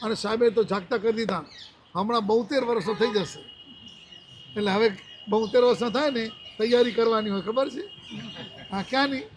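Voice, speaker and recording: A man's voice: high voice, moderate pace, pauses often, a little hiss or hum. A man in his seventies, a monk giving a religious discourse, telling a personal story and acting out the dialogue he quotes. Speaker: Jain monk.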